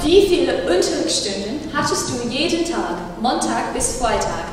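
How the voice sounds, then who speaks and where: A schoolgirl playing a quiz show host, high-pitched, far from the mic in an echoey hall, music behind. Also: big pitch swings, moderate pace. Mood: upbeat. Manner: announcing, formal, game-show patter. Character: chirpy teenage girl quiz show host. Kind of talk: acted game show hosting.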